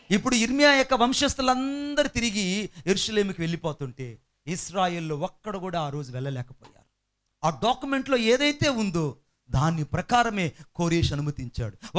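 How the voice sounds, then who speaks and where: A man's voice: high voice, fairly bright tone. A man preaching a sermon as pastor, urging the congregation to repeat lines after him and drawing out phrases when he reads scripture. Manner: drawn-out emphatic phrasing when reading scripture.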